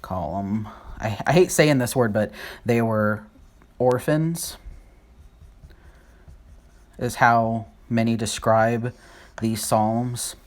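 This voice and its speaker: In a mid-range voice, a host of a Bible study video leads a relaxed lesson at a board. They stumble over names, pause often and reason out loud while writing.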